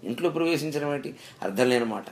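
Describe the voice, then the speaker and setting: Brief: middle-aged man, spiritual discourse, animated storytelling with rhetorical questions. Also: medium pitch, fast talker. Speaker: spiritual speaker.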